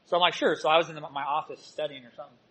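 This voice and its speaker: Racing through a sermon with a flat delivery, a male church teacher tells personal stories and alternates loud exhortation with soft asides. His voice is on the high side, and the recording quality is low.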